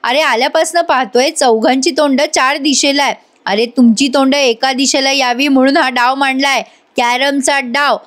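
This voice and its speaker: A woman voicing a jovial, playful older uncle in a serial recap. He speaks in a booming, teasing way. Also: steady tone, normal speed, hardly any pauses, fairly bright tone.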